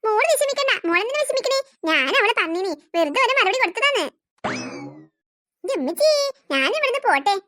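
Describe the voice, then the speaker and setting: A woman doing a slow, plaintive old grandmother. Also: extremely high pitch, sing-song, sharp tone, heavily acted. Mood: hurt. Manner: slow, plaintive, calls everyone dear child. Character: fussy old grandmother, easily hurt. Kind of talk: cartoon voice acting.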